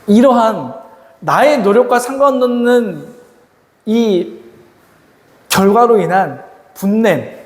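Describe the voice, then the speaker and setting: A man's voice: sits high, slow, pauses often. A man preaching to teenagers as a youth pastor, often asking the audience questions. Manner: lively, asks the audience questions and acts out quoted voices. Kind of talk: sermon to teenagers. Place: church hall. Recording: echoey hall with long reverb.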